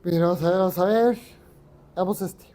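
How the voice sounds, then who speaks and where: Conversational Mexican pastor preaching. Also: male voice, high-pitched, a little fast, warm tone. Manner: conversational, asks the congregation questions. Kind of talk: sermon. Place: church.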